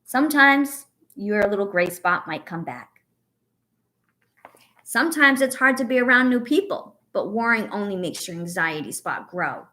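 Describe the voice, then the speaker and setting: A woman teacher reads to young children and leads a breathing exercise, using an instructive, encouraging delivery full of storybook expression. She has a mid-range voice and speaks at normal speed.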